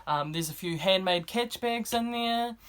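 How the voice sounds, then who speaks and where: A woman's voice: medium pitch, measured pace, clear, resonant tone. Young New woman. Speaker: vlogger. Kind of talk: casual vlog talk to camera. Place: indoors, speaking to camera.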